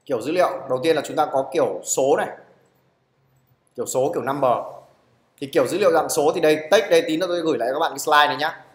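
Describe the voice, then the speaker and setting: Speaking quickly in a roomy-sounding classroom, a man with a slightly high voice teaches programming live. He regularly stops to ask the students "được chưa?"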